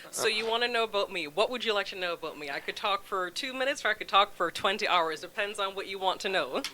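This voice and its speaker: A woman in her forties from Jamaica with a Jamaican accent, a guest chatting casually on a local talk show, laughing easily and trailing off softly. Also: mid-range voice, lively intonation, fast, a little hiss or hum, rough recording. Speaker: guest from a food bank. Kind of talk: casual interview chat.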